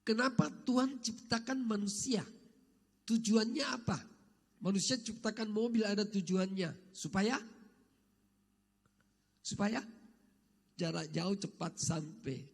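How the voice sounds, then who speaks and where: Male preacher, gravelly high voice, emphatic exhorting sermon, rhetorical questions, long hall reverb. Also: slow, long pauses. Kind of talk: Sunday church sermon, questioning the congregation.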